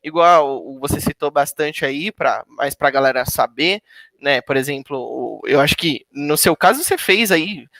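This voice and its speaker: A man's voice: on the high side, animated, normal speed, fairly bright tone, no room sound. A Brazilian man hosting an interview in an explanatory way, who keeps adding little tag questions. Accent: Brazilian Portuguese. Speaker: host. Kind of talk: casual interview chat.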